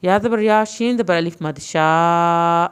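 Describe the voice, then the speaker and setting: Female reading teacher, lower register, smooth clear tone; slow syllable-by-syllable drills with brisk explanatory asides. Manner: spells out syllables slowly and deliberately, then blends them; explains rules in quicker, plain teacherly asides. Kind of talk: recorded online lesson.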